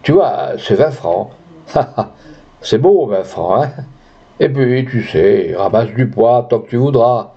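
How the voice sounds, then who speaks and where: A man's voice: mid-range voice, expressive, slow, mellow, breathy edge, full character voice. A man playing a cruel, pompous rich landowner who bullies and boasts, in a dull lo-fi recording. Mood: wheedling. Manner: boastful, then furious and bullying.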